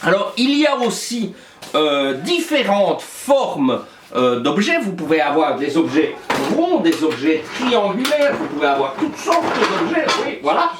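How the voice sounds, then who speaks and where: Playful high-voiced male teacher. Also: big pitch swings, a little slow, roomy sound, background noise. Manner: playful, explanatory with frequent hesitations. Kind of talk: classroom lesson.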